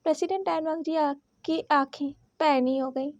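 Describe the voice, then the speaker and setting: A woman reads out a fan-fiction story in a steady, unhurried manner. Her voice is very high and mellow. The recording is dry and close. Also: no room sound, muffled recording. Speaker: narrator.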